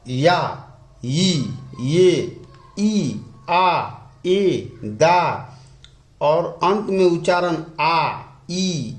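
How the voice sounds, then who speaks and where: A man teaching English grammar in a lesson, repeating key words slowly and drawing them out. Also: a little high. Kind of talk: explaining at a whiteboard. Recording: echoey room.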